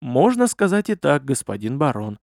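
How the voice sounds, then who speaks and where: A man's voice: mid-range voice, big pitch swings, normal speed, creaky, darkish tone, no echo, clean studio sound. A male audiobook reader voicing a businesslike male mage who keeps his visit brief. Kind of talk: audiobook character voice.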